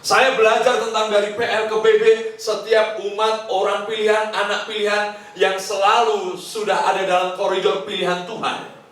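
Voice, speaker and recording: A man preaches with animated energy, slipping into quoted voices between points. His slightly high voice comes from some distance across a very echoey hotel hall. A faint hiss sits under it. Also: normal speed. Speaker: pastor. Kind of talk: sermon.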